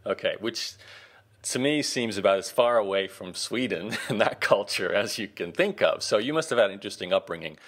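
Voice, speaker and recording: Deep-voiced male podcast host. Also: a little fast. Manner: relaxed, conversational with fillers. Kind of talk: podcast interview.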